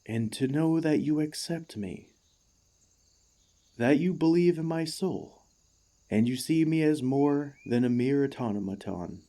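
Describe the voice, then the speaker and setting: Flustered and tender, the gentle, devoted warforged ex-gladiator is voiced by a man in an ASMR roleplay at medium pitch, expressive and natural. Slow, halting words come in a mellow, soft-edged tone. The emotional, excitable construct shows formal courtesy and earnest, quickly stirred feeling.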